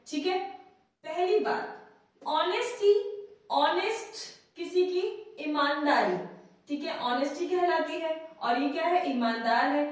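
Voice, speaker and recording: A woman's voice: high-pitched, takes it slowly. A woman teaching English grammar in a casual whiteboard lesson, often asking her viewers questions and checking in with them. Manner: repeats questions to viewers, frequent checking "theek hai". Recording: very echoey room, voice from a distance.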